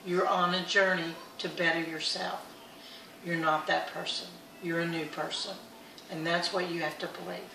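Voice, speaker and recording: Earnest chatty woman, bright echoey voice. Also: lowish voice, little pitch movement, normal speed, gravelly, far from the mic, a little hiss or hum. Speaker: vlogger. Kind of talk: casual motivational vlog. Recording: echoey room, a bit off-mic.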